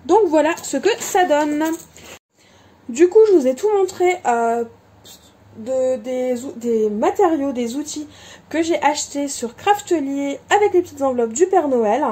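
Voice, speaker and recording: Unhurried and expressive, a woman with a high-pitched, mellow voice shows off her crafting supplies in a relaxed show-and-tell vlog. She chats freely, peppering her talk with fillers and self-corrections.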